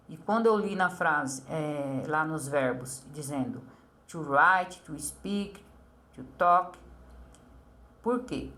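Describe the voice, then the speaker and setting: A woman with a Brazilian accent, explaining an English lesson to a child and saying English model phrases slowly and carefully. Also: lowish voice, a bit bright. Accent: Brazilian Portuguese. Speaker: English teacher.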